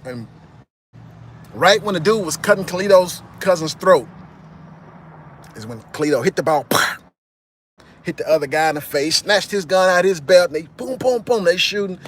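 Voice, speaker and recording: A man hosting a livestream, chatting with viewers and retelling a movie plot as a rambling, animated storyteller. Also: fairly high pitch, moderate pace, a little hiss or hum. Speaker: channel host. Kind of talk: livestream commentary reading chat.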